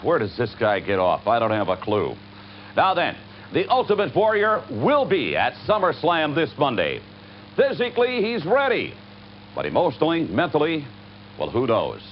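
A man doing broadcast wrestling commentary in a dramatic, indignant announcer tone, from a dull old TV broadcast. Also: mid-range voice. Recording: dull lo-fi 1991 TV broadcast with faint hum.

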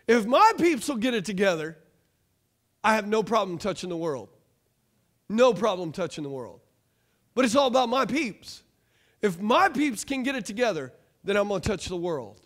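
Male pastor, 30s, very high voice, energetic stage preaching. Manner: animated, call-and-response preaching, pacing the stage. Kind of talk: sermon. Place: church stage, large room.

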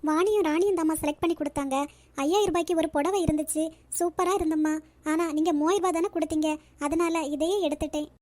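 Cartoon role: earnest, devoted young woman with a very high, soft voice, voiced by a woman. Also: fairly even intonation, fast. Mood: gentle. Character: gentle young village woman, devoted to her grandmother. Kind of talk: cartoon voice acting.

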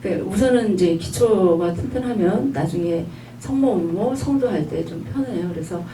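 A woman lecturing in an online class, patient and repetitive, stopping to model drawn-out sounds. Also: medium pitch, animated, warm tone, far from the mic. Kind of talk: online lifelong-learning lecture. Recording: echoey room, voice off-mic, faint hum.

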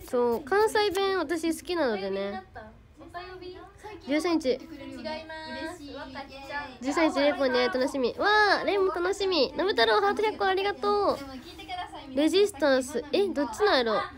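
A teenage girl from Hyogo with a Kansai accent, chatting casually on a livestream, reading out viewer comments and thanking fans by name. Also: sits high. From Hyogo, Japan. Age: teens. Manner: bubbly, thanks viewers by name, refers to herself by name. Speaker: idol livestreamer.

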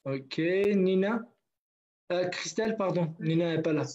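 A man's voice: sits high, unhurried, a little mellow. A man from northern Kurdistan teaching a language class online, patiently repeating words for his students. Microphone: video call. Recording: dull lo-fi online call audio.

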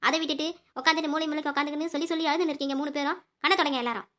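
A woman's voice: high voice, fairly even intonation, a bit bright. Woman doing a bossy young cartoon sister. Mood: scolding. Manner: scolding and brisk.

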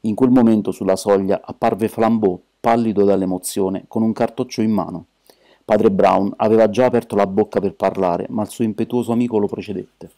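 A man reads an amateur audiobook with steady, measured delivery. His voice sits low. The tone is dark and mellow. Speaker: audiobook narrator.

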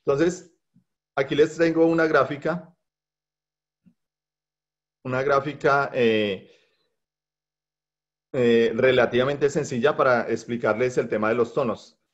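A man teaches a language workshop over a video call. His voice sits at a middle pitch and he talks with frequent fillers and restarts. The computer mic gives a dull, lo-fi sound. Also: slow pace, long pauses. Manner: patient, with many hesitations and fillers. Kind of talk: online workshop lecture. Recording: dull lo-fi online call audio.

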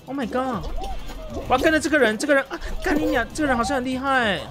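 A woman streamer giving live gameplay commentary with explosive, swearing, shouted outbursts. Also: high-pitched, fast. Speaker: game streamer. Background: game music.

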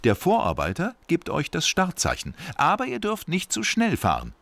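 A man voicing a bossy woman site manager, with a brisk, instructing manner, as storybook voice acting. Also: a little high, wildly swooping pitch, creaky, fairly bright tone, no room sound, pitched above the performer's own voice, heavily acted. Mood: firm.

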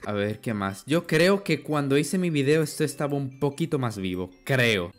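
A man's voice: medium pitch, normal speed, soft background music. A man, his voice worn out from talking, commentating his gameplay casually and swinging from mumbles to yelps. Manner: excitable, swings from mumbling to yelling. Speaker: gaming youtuber.

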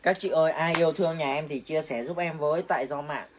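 Low, quick-talking woman co-seller. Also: slight background noise. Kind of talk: casual chat.

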